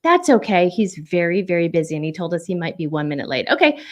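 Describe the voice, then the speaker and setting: A woman hosting her own casual livestream from home, chatty and bubbly, with excited whoops between announcements. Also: on the low side, fast. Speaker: livestream show host and singer-songwriter.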